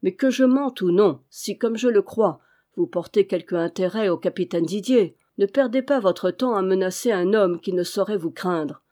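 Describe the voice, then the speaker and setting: A woman's voice: mid-range voice, moderate pace, warm tone, lightly acted. A woman reading as a cynical mocking valet. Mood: menacing. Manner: smooth, insolent, coolly ironic.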